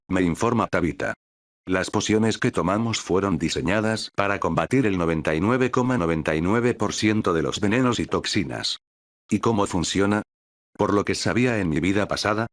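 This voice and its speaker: A man's voice: deep voice, dry recording. A man reading a light novel aloud as an audiobook narrator, voicing the dialogue with little change from his narrating voice.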